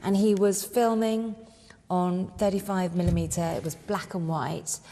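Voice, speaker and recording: A woman's voice: mid-range voice, steady tone, measured pace, mellow. A woman explaining something in plain, informative talk. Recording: very reverberant hall, clear background noise.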